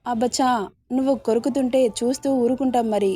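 Feisty young bride, read by a woman, slightly high, warm tone. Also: fairly even intonation, brisk, breathy edge. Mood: playful. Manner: feisty, playful. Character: young woman, spirited, feisty new wife.

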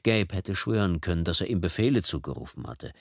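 A man with a fairly low voice reading a thriller audiobook with tense, dramatic storytelling. The studio microphone is close and the sound is dry, with no room to speak of. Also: lively intonation, a little fast, gravelly, no echo. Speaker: audiobook narrator. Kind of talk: scripted audiobook narration.

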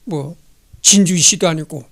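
An older man in his sixties talks through a history text at home, and his voice sits noticeably high for a man. He reads a line, then drifts into chatty asides, often asking his listeners rhetorical questions. He speaks into a handheld microphone in an indoor room. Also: normal speed, a bit bright. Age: 60s. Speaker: history channel host. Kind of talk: casual lecture reading and commenting on a text.

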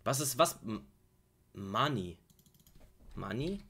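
Animated man reacting to a rap track. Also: brisk, loud music behind the voice. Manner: animated, swinging between loud outbursts and low mutters, heavy slang. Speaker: YouTube reaction host.

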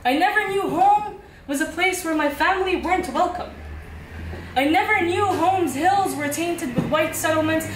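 A young woman with a high voice reads spoken word poetry into a handheld mic. She shifts from loose, chatty framing to a measured, repeating cadence. The sound is roomy and a little distant, with a faint murmur of a cafe behind her. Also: a little hiss or hum. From Qatar. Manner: conversational intro, then rhythmic repeated-line recitation. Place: small cafe performance space, indoors. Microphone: handheld mic, filmed by a far camera. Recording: roomy, distant camera recording.

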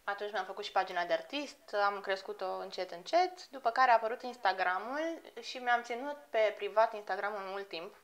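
Woman in her thirties, guest singer, casual lively chat, mid pitch. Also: few pauses. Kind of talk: casual interview talk.

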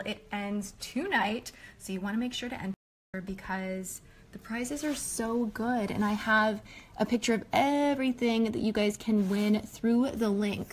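A woman's voice: mid-range voice, slight background noise. A woman chatting casually into her phone in a home kitchen, gushing and exclaiming as she talks to her followers. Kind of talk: casual phone vlog chat. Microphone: phone held close.

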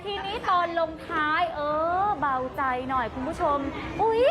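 A woman hosting a lively news show, chatting directly to the viewers as she comments on a clip. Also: sits high, moderate pace, heavy background noise.

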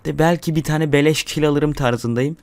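A young man hosting a gaming channel, giving excitable live commentary while he plays, swearing and talking to his viewers. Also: on the high side, moderate pace.

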